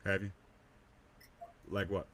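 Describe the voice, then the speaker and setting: A man's voice: deep voice, monotone, slow pace, fairly bright tone. A man hosting a casual live podcast, talking in a rambling, stop-start way with lots of restarts and fillers. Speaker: podcast host. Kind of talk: casual live-stream chat.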